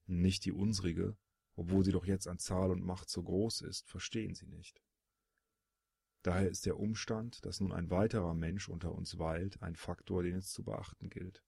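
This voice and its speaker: A man reading a storybook audiobook, voicing a solemn male dragon-born being in a low, gravelly, husky voice with measured, earnest explaining. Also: mellow, no room sound, studio quality, exaggerated voice.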